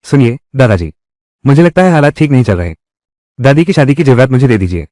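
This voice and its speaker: Man playing a lively young village brother. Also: mid-range voice, a little fast, no room sound, studio quality, close to an everyday voice. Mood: earnest. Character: devoted young village elder brother providing food for family.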